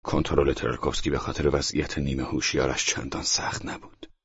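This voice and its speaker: A man narrating an audiobook in a measured, tense storytelling voice that sometimes drops to a whisper. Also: a bass voice, level tone, creaky, husky, dry recording, dull audio. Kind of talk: scripted narration.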